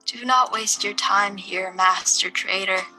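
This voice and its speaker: A woman voicing a poor old grandmother who speaks slowly, politely and with resignation. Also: mid-range voice, steady tone, pushed and bright, faint music behind. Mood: resigned.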